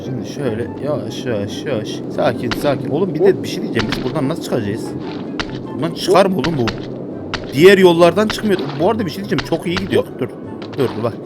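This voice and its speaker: A young man playing a hard climbing game and commenting in Turkish, swinging between quiet muttering and frantic pleading and cursing at the screen. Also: on the high side, expressive, quick pace. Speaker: gaming YouTuber. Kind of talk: let's play commentary. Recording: game music playing under the voice.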